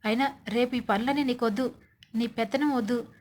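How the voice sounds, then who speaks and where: A woman's voice: on the high side, steady tone, fairly quick, close to an everyday voice. A woman narrator reading the lines of a husband who scolds his feverish wife. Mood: scolding. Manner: concerned, lecturing. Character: young husband, worried then scolding.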